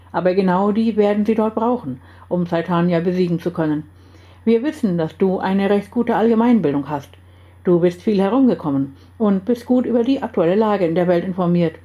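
A woman reading aloud and voicing the calm, serious male leader of a secret group. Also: medium pitch, a little fast, muffled recording, lightly acted. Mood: grave.

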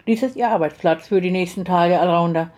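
A curt, businesslike male agent in a storybook reading, voiced by a woman. He speaks in short, clipped sentences with a dark, mellow tone. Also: on the low side, a little fast, close to an everyday voice. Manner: clipped, matter-of-fact orders. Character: brisk male secret agent, curt and commanding.

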